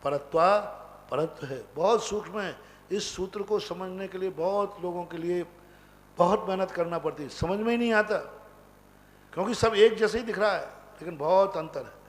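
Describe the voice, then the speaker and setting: High-voiced Indian monk lecturing. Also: male voice, long reverb tail. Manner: explains step by step with rhetorical questions; chants sutra lines slowly. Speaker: Jain monk teacher. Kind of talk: scripture class lecture.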